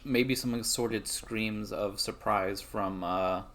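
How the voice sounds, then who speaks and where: A man running a tabletop game as game master, explaining the rules in a measured, patient way. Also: fairly low pitch, fairly even intonation, fairly bright tone.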